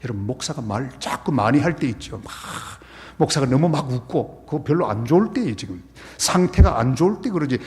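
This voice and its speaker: Animated Korean pastor in a reverberant church. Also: male voice, medium pitch, brisk. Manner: animated, acts out scenes and quotes. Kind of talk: revival sermon with storytelling. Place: church sanctuary. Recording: long church-hall reverb.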